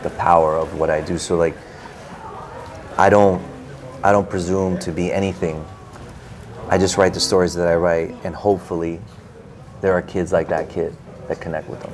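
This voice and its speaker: A man, an author guest in an interview, telling a personal story in an animated way and acting out his own reactions, with many fillers. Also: sits low, normal speed, pauses often. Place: bookstore event space.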